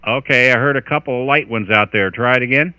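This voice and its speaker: A man's voice: medium pitch, fast, very noisy. An American man working as a radio net controller, making marine radio-style calls with phonetic call signs and casual asides. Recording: band-limited radio transmission.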